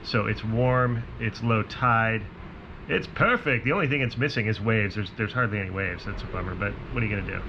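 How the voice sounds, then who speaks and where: A man's voice: lowish voice, brisk. A man co-hosting a home vlog, chatting casually in a laid-back, surfer-like way, outdoors at a beach. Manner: laid-back, surfer-like talk about conditions. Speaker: vlog co-host. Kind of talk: casual chat. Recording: dull audio with wind noise.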